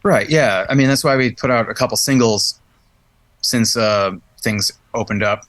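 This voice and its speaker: A man's voice: medium pitch, normal speed, a bit bright, no echo. A man hosting a podcast, speaking in a thoughtful, reflective way with hesitations. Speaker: podcast host. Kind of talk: casual conversation.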